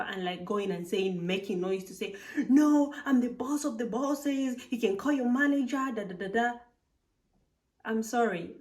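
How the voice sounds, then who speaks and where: A Zambian woman living abroad gives chatty, emphatic advice in a casual vlog, filling her talk with "like". Her voice is medium in pitch and sits far from the mic.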